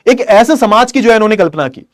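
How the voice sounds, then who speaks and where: Male online tutor, high pitch, dead-dry mic, question-and-answer lecturing with lots of repetition. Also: lively intonation, quick pace, no echo. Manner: explains by asking and answering his own questions; repeats key phrases, calls students beta. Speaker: teacher.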